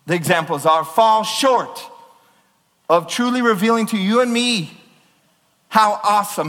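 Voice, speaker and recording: A man preaching a sermon as a pastor, impassioned and emphatic, loud enough that he apologizes for sounding like he is yelling. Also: high-pitched, in a large hall.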